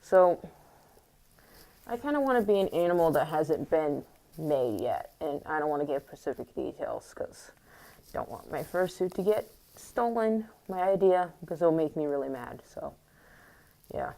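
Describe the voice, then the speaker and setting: Low-voiced woman rambling to camera. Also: lively intonation, normal speed, warm tone, poor audio. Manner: rambling and hesitant, many fillers and restarts. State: a little squeaky from morning. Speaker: vlogger. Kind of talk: casual rambling monologue to camera. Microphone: wearing a mask.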